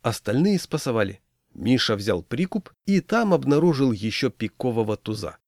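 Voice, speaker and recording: A man reads a humorous short story aloud with a wry, expressive delivery. His pitch moves lively over a middle voice, recorded dry and close to the mic. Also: moderate pace, dry recording. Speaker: narrator.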